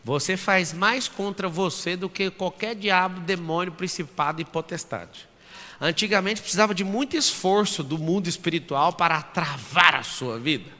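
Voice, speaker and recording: A man's voice: high-pitched, moderate pace, pushed and bright. A Brazilian man with a Brazilian Portuguese accent giving a blunt, provocative motivational talk, acting out the people he quotes. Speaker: motivational speaker. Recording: long hall reverb.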